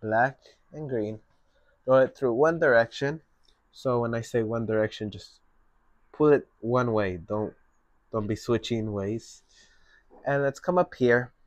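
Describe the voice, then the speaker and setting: Slow-talking man teaching painting. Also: mid-range voice, dry recording. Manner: slow, relaxed step-by-step instruction. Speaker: painting instructor. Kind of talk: painting tutorial.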